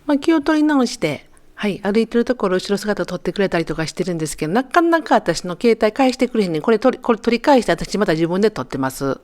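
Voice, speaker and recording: A woman's voice: medium pitch, big pitch swings, quick pace, a little mellow. A woman in her sixties with a Kansai accent, narrating her travel vlog in a chatty, joking way, as if talking to friends. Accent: Kansai Japanese. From Japan. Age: 60s. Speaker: travel vlogger. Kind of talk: casual voice-over narration.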